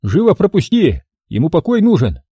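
Man doing a brash cheeky sidekick, high and loud. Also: huge pitch swings, normal speed, slightly rough, dry recording, dull audio, exaggerated voice. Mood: mocking. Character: brash joking male sidekick, crude prankster.

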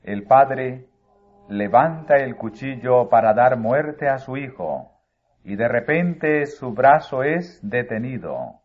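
A man reads a religious story aloud at a slow, measured pace, solemn and steady. His voice sits at a plain middle pitch. The audio is thin and phone-like, with soft music playing underneath. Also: husky. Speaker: narrator. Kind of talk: scripted religious book reading. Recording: phone-like narrow sound, faint music.

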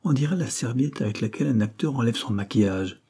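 Male narrator for a classic novel: measured, dark, slightly husky. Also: medium pitch, animated. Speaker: audiobook reader. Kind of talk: storybook narration.

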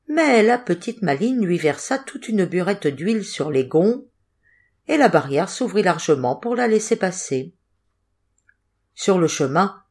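Woman narrator for a fairy-tale audiobook, lively melodic delivery, mid pitch. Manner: expressive, rising and falling. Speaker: audiobook reader. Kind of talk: storybook narration.

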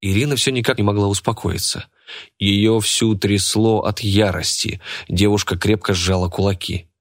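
A man narrating an audiobook in a steady, even reading voice. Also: lowish voice, moderate pace, dry recording, clean studio sound.

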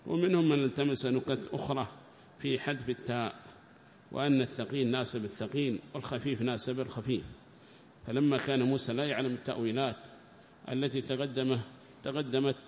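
A man explaining a scripture passage in a measured lesson, repeating his points for emphasis. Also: medium pitch, a little mellow, in a large hall, a little hiss or hum. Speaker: teacher of Quran commentary.

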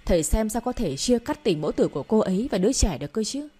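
A woman's voice: medium pitch, sing-song, quick pace, dark tone, breathy edge, soft background music, pitched above the performer's own voice. A woman reading the part of a stubborn young man, a village doctor, insisting and pleading with his father. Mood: insistent.

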